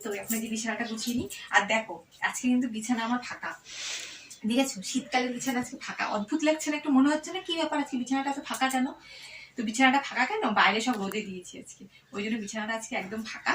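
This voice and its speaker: A woman's voice: a little high, a little hiss or hum. A middle-aged woman with a Bengali accent, chatting casually to viewers in a home vlog. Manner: lively, chatty. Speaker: vlogger. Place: bedroom at home. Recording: roomy, distant phone camera.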